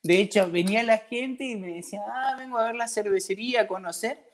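A craft brewery owner from Patagonia in southern Argentina speaks in a high-pitched, brisk voice with an Argentine Spanish accent, a crowd audible behind him. Being interviewed, he tells stories casually and colloquially, acting out bits of dialogue.

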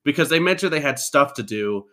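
A man's voice: on the high side, animated, brisk, bright, forceful tone. A man playing a tabletop role-play game, rambling as he thinks aloud about his character's suspicions. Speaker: player.

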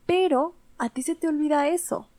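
A woman's voice: high-pitched, normal speed. Chatty young woman. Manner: chatty, lively, emphatic. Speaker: podcast co-host. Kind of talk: casual podcast chat.

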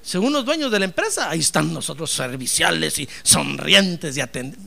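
A man preaching a fervent sermon as pastor, calling out to his listeners as brothers and breaking into loud praise. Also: a little high, lively intonation, normal speed, gravelly. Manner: bursts into loud praise shouts.

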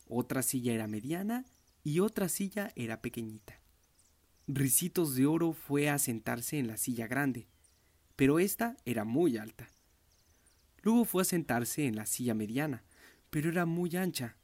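A man reading a children's fairy tale aloud in an expressive, child-friendly way. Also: mid-range voice. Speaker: storyteller.

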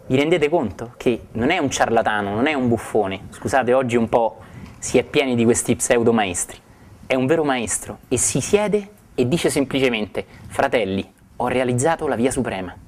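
A man giving a spiritual talk, retelling a sacred story with marveling, warm asides to his listeners. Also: medium pitch, animated, normal speed, slight background noise. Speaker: spiritual teacher.

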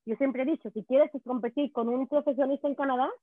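A Mexican woman, a guest speaking on immigration, talking in a chatty, quick way over a call. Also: high-pitched, fairly even intonation, no echo. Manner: fast, chatty, restarts words. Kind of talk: casual chat. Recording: tinny dry phone line.

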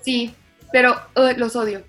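A young woman from Venezuela with a Venezuelan accent softened toward neutral Mexican Spanish, chatting expressively as a guest on a podcast. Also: on the high side, measured pace, soft background music. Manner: chatty, expressive, uses many fillers. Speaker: actress guest. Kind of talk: casual podcast interview.

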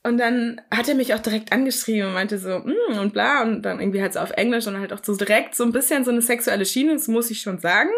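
A young woman tells a personal story in relaxed, chatty talk. Her voice sits fairly high. She drops English words into her speech and acts out what people said. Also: fast talker, few pauses. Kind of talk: casual chat.

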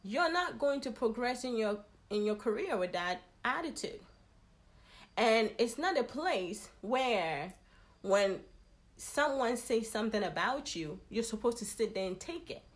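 A woman's voice: fairly high pitch, lively intonation, unhurried. Emphatic woman giving advice. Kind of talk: casual conversation.

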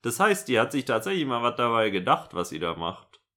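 A man's voice: mid-range voice, very animated, a little fast, sharp tone. A man co-hosting a podcast, chatting casually and sarcastically while reading a story aloud and mocking it. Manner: sarcastic, critical. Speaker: podcast co-host.

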